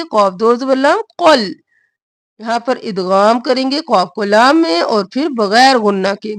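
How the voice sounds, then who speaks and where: A woman teaching Quran recitation, drawing out verses slowly and then explaining pronunciation rules in quick asides. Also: a little high, dry recording. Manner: slow drawn-out recitation alternating with quick explanations. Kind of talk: tajweed recitation lesson.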